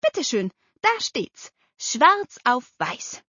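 Woman doing a bossy, brisk aunt. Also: high-pitched, sing-song, a bit bright, no echo, voice pushed up, heavily acted. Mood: insistent. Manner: emphatic, scolding. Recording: slightly dull dry recording.

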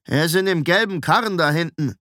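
A man doing a gruff spiteful apprentice. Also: on the high side, fairly quick, fairly bright tone, no echo, clean studio sound, pitched above the performer's own voice, natural voice. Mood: hostile. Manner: gruff, threatening. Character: hostile bulky male apprentice, bossy and spiteful.

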